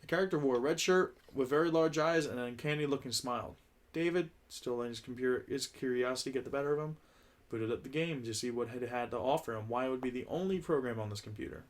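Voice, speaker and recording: A man reads a script aloud in a casual, joking read-through. His voice sits at an ordinary middle pitch, and he often stumbles and restarts his lines. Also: quick pace. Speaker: script reader.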